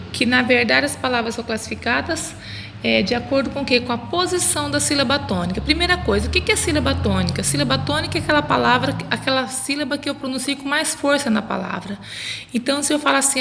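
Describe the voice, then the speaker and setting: A woman's voice: high-pitched, vocal fry, bright, forceful tone. A woman teaching children a lesson, stretching out words syllable by syllable and answering her own questions. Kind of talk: recorded remote class for children. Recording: reverberant room, faint background noise.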